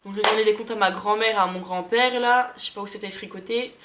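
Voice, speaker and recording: A woman from Lorraine in eastern France chats in a casual vlog, quick to get excited and often thinking aloud with plenty of fillers. Her pitch sits at an everyday middle. The room gives her voice a noticeable echo. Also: slight background noise. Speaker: vlogger. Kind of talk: casual vlog reacting to results.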